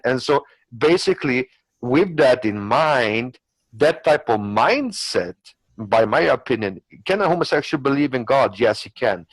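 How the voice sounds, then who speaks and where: A panelist who isn't a native English speaker argues his views in an unscripted discussion, rambling and repeating himself while leaning on hypothetical examples. His voice is mid-range, and the recording is dry and of poor quality.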